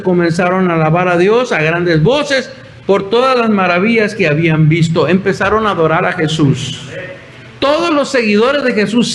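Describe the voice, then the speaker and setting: A man's voice: high voice, poor audio. A male pastor preaching a sermon, telling the story and acting out the voices in his quotes.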